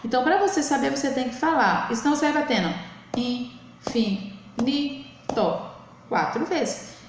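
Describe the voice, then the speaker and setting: A woman's voice: sits high, big pitch swings, fast talker. A woman, teaching a young class in a recorded remote lesson, patiently stretching words out syllable by syllable. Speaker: primary school teacher. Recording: very echoey room, faint noise.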